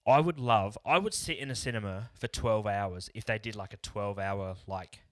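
Aussie guy on a podcast, lowish voice, dry close sound, rambly and jokey. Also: moderate pace, no room sound. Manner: rambling, jokey, tries silly accents. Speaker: podcast co-host. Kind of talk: casual chat.

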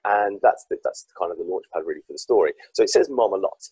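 A man chats as a podcast guest, his speech rushing along at a brisk clip. His voice is deeply husky and sits a little low. The sound is close and dry, and he tells his stories with animated self-deprecation. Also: dry recording, poor audio. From South East England. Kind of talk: casual podcast chat.

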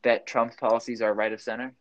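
A man's voice: mid-range voice, level tone, a little fast, muffled recording. A young man chatting casually with a friend, rambling and restarting his sentences, laughing easily. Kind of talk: casual chat.

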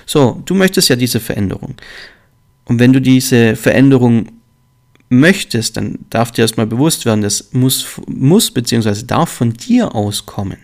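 Gravelly man giving earnest motivational advice. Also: medium pitch, expressive, moderate pace. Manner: earnest, direct, addresses listener as du, coaching tone. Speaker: motivational coach. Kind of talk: motivational monologue.

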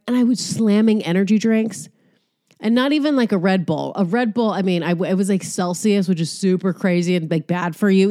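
A young adult woman chatting casually as a vlogger, telling a story in an animated, profane way and acting out quotes. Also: mid-range voice. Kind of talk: casual chat.

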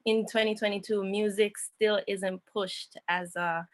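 A woman's voice: medium pitch, fairly even intonation, measured pace, no echo. A young woman from Jamaica, an interviewer and musician, talking reflectively in casual conversation with frequent fillers and restarts.

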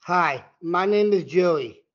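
A man in his twenties, the board's vice chair, reading prepared lines slowly and deliberately. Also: high-pitched, lively intonation. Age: 20s. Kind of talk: reading scripted podcast lines. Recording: dull lo-fi sound.

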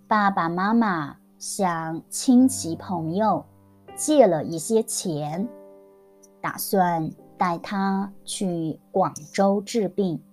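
A woman teacher narrating a scripted story for language learners, enunciating every word very carefully and deliberately. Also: fairly low pitch, a little mellow, faint music behind. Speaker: Mandarin teacher.

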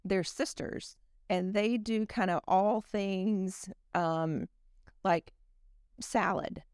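A woman in her forties talks as a podcast guest, chatty and animated, piling on fillers as she tells her stories. Her voice is smooth and clear at an average pitch. The sound is dry and close. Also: very slow, dry recording. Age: 40s. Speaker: podcast guest, company executive. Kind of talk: casual chat.

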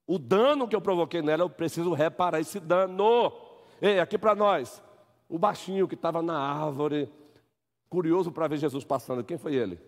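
A Brazilian-accented man teaches a Bible lesson to his congregation in an easygoing, humorous way. His voice sits high. Long reverb from the church hall trails his words. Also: moderate pace. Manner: animated, joking, acts out scenes. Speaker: pastor teaching Sunday school. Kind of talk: informal Bible lesson with acted examples.

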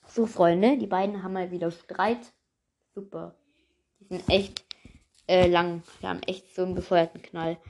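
A woman's voice: lowish voice, fairly even intonation, moderate pace, vocal fry, long pauses, darkish tone, slight background noise. A woman narrating her homemade audio episode in a rambling, casual way, talking straight to her listeners. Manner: rambling, full of fillers, addresses listeners as friends. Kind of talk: casual chatty narration to viewers.

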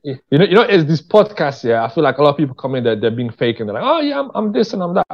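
This screenwriter and director, a guest in an interview, talks fast and with great animation in a slightly high voice. He keeps things casual, frank, and full of slang, repeating phrases to hammer points home, though the audio is dull.

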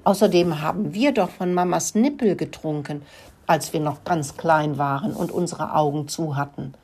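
A woman's voice: deep voice, moderate pace, darkish tone, husky. A woman voicing a young boy mouse explaining earnestly in a storybook reading.

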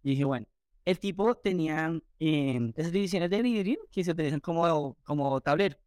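A man from Colombia, a guest recounting his story in an interview with animated retelling and quoted dialogue. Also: fairly high pitch, moderate pace, no room sound, studio quality. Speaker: entrepreneur guest.

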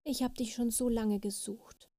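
A woman voicing a gentle, caring fairy mother in a storybook reading, soft and calm. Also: fairly high pitch, unhurried. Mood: tender.

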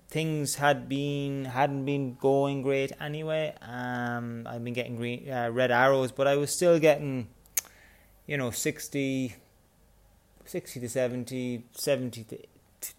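Man heard through a played-back voice message; smooth, even-toned, chatty and self-deprecating. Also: medium pitch. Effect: voice message played back on a podcast. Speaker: fantasy football pundit. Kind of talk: recorded voice note recap.

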